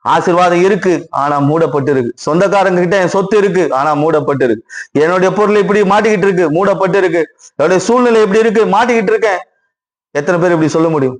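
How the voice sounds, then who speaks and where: Preaching Tamil-accented pastor, fairly high voice. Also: male voice, fast talker. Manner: repetitive, questioning the congregation. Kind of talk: sermon.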